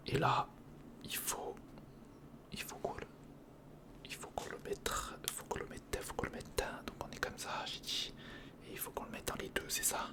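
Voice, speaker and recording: Whispering breathily at close range, this ASMR host talks the listener through a build one step at a time, thinking aloud at a moderate pace and pausing often. A close recorder or studio condenser mic captures the voice.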